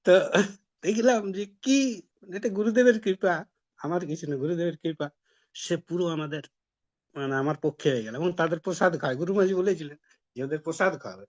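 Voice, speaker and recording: A man's voice: on the high side, animated, fast, long pauses, darkish tone. A man giving a devotional talk, telling a personal story in a conversational way. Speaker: devotee preacher. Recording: dull lo-fi recording.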